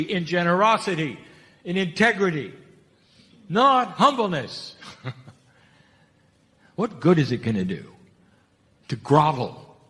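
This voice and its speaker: Male spiritual channeler, slightly high voice, emphatic and repetitive, recorded with long hall reverb. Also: a bit bright. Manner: emphatic, rhetorical questions, repeats key phrases. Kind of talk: channeled spiritual talk to an audience.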